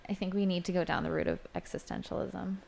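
A woman's voice: on the low side, steady tone, fast, creaky, darkish tone, a little hiss or hum. A woman with a lisp that slurs her s sounds, chatting casually as a podcast co-host. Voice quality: lisp, slushy sibilants. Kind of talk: casual chat.

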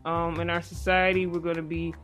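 A woman's voice: fairly low pitch, level tone, brisk, a bit bright. A woman hosting a casual conversational interview in a folksy, earnest way, her voice slightly muffled by a face mask. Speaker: host. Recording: music playing behind the voice. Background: guitar music.

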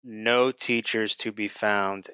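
A man co-hosting a casual movie chat, laid-back and wry with deadpan asides. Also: lowish voice, slow pace, smooth, no room sound. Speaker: podcast co-host.

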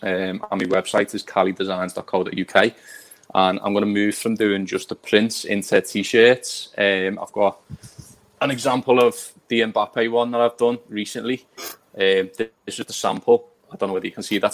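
A man with a fairly low voice and very flat intonation talks casually as a podcast guest. He explains things in an unassuming, informal way. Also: moderate pace. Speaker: podcast guest, print designer. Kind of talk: casual chat.

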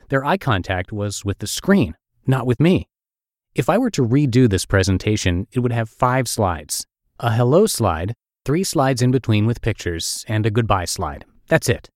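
A middle-aged man with a Russian accent reads his own essay aloud, telling it in a wry, self-deprecating way. His voice is medium-pitched, and the recording is dry with clean studio sound.

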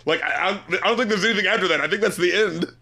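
A man co-hosting an album review podcast in casual chat, animated and quizzical, nitpicking word choices and laughing often. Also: high-pitched, racing, gravelly.

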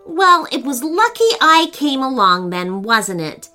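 A woman voicing a kind, polite young girl in a storybook reading, lifting her voice higher for the child. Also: sing-song, measured pace, pushed and bright, faint music behind, exaggerated voice. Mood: warm, polite.

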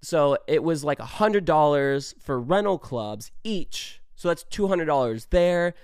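A man's voice: on the high side, unhurried, smooth, no room sound, clean studio sound. Heated, profane young man telling a story. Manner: heated, profane, animated retelling. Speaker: vlogger. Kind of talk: casual storytime monologue.

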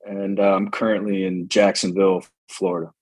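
Bay area guy, super deep husky voice, short plain intro, dry sound. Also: level tone, a little fast, darkish tone, no echo, poor audio. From California Bay Area. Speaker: guest.

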